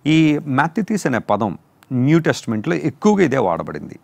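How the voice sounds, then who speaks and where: A man preaching a sermon, explaining terms slowly and repeating each word. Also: medium pitch, creaky, no echo. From India. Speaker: pastor. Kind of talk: sermon teaching on word meanings.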